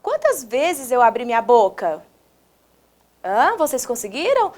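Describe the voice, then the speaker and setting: Teaching young children in a recorded lesson, a Brazilian Portuguese-accented woman breaks words into slow, exaggerated syllables and quizzes the viewers encouragingly. Her voice is on the high side, sing-song, with a darkish tone.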